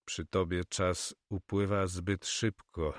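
A man voicing a proud, brooding pirate captain in an audiobook, speaking slowly and solemnly. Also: sits low, level tone, dry recording, studio quality. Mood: gallant. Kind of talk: audiobook character reading.

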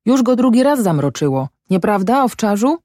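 A woman's voice: on the high side, big pitch swings, normal speed, dark tone, no echo, studio quality, pitched above the performer's own voice. A woman doing a distraught peasant father. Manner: muffled, pleading then accusing. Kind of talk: audiobook character voice.

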